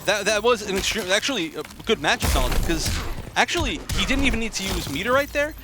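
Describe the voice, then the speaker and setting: A man's voice: high voice, animated, fast talker, background noise. A man giving live, analytical fighting game commentary, explaining the play as it happens. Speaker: esports commentator. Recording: game music under the voice.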